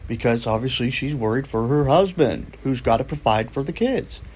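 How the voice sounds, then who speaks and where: A man's voice: medium pitch, expressive, normal speed, a little mellow, slightly rough. A man casually retelling a strange story in a rambling, conversational way, with fillers and restarts.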